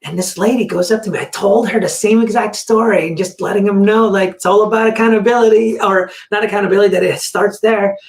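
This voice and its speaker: A podcast host telling a story in a casual chat, acting out the other people's words with lively energy. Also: medium pitch, fast, hardly any pauses. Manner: animated, acts out quoted dialogue. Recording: roomy, distant mic.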